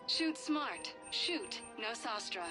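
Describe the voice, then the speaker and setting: Bright store announcer. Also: female voice, animated, takes it slowly. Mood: promotional. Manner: smooth, upbeat sales pitch. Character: polished female store announcer voice. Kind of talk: shop advertisement announcement. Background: game music.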